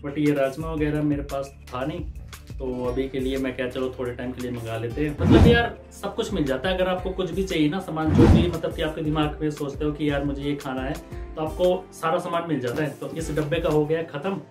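Loud music sits behind this Indian vlogger in his thirties as he unboxes groceries in front of a green screen and purple backdrop indoors. He speaks a little fast at a fairly high pitch, casual and animated, gesturing with his hands.

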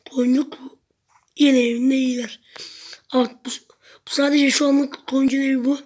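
Brief: woman gameplay host, high and even-toned, chatty self-talk with sudden shouts, faint hiss and clicks behind. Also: husky. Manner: chatty, talks to herself and viewers, sudden loud outbursts. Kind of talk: casual gameplay commentary.

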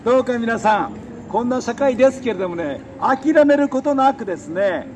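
High-pitched man speechifying on noisy street. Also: lively intonation, moderate pace. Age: middle-aged. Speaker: defeated election candidate, street speaker. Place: outdoors beside a busy city road. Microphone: handheld microphone held close. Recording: noisy city street with traffic.

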